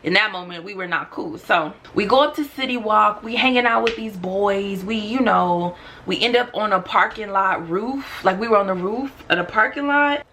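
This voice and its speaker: Bright-voiced tipsy American woman telling stories. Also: mid-range voice. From Los Angeles, United States. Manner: tipsy, drinking while telling the story; slangy, sassy, emphatic delivery. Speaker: storytime vlogger. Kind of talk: animated casual storytelling.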